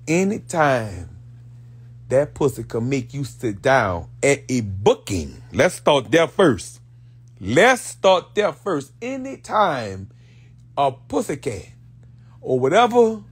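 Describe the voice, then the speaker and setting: A man hosting a show of comedic commentary on internet gossip, animated and profane, jumping from loud outbursts to hushed asides. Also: mid-range voice, husky. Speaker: show host.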